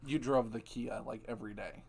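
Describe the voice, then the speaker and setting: Ohio guy hosting a live stream, chatty and animated, laughs a lot. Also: medium pitch, brisk, gravelly, slight background noise. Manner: animated storytelling, laughs often. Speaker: host. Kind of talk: casual live-stream chat.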